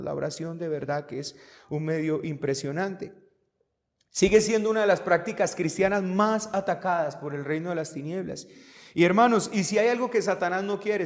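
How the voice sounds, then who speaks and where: A man, preaching a sermon earnestly and often addressing the congregation as brothers. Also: sits high. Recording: long hall reverb, mic at a distance.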